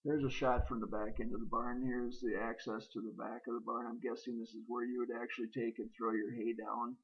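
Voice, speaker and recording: Walking through his old barn with a handheld camera, outside and then inside, a middle-aged homesteader narrates in a flat, mid-range voice at a fairly quick clip. He hesitates and rambles with plenty of ums and uhs, and the audio is muffled.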